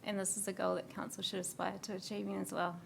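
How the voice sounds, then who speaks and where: A New woman with a hoarse, fading voice reads a formal submission at a council hearing, steady and measured with small slips. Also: medium pitch, a little hiss or hum. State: hoarse, losing her voice.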